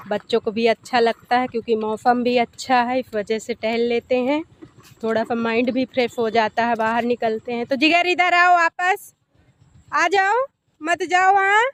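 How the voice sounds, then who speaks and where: A woman's voice: fairly high pitch, flat delivery, normal speed, slight background noise. A middle-aged woman chatting casually to viewers in a home vlog, first on a walk outdoors and then in her kitchen. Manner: chatty, addresses viewers as friends. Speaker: vlogger.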